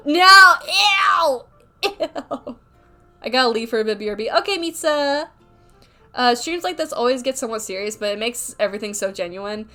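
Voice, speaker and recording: A woman's voice: a little high, quick pace, soft background music. A woman livestreaming while drawing, rambling candidly in casual chat, full of filler words, reading chat aloud and reacting.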